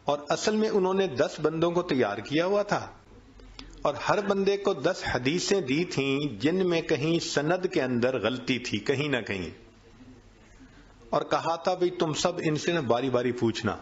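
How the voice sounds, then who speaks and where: A man giving a sermon, telling a story and acting out the quoted exchanges with lively shifts. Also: fairly high pitch. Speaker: religious scholar. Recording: dull lo-fi recording.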